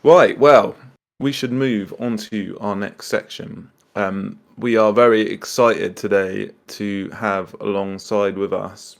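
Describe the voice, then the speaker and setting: A man's voice: fairly low pitch, steady tone, takes it slowly, vocal fry. A British man hosting a casual chat in an informal, rambling way. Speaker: host.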